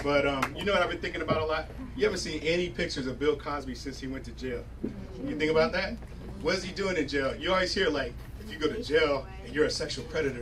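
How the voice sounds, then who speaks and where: Guy doing standup at a comedy club, slightly high voice, rambly, heard from far off with a noisy crowd. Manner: conversational, rambling delivery with quick asides. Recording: distant, noisy club recording with laughing crowd. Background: audience laughter and loud room noise.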